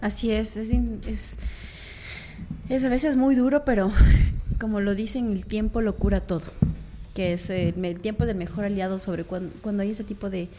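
A woman's voice: medium pitch, fairly even intonation, moderate pace, background noise. A woman hosting a radio talk show, reading out listener comments and steering the talk. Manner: reads listener comments aloud. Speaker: radio host.

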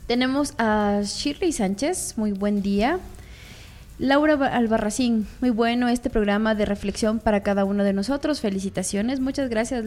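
A woman's voice: a little high, darkish tone. Woman host reading listener comments. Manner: reads listener comments aloud. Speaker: radio host. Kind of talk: radio talk show hosting.

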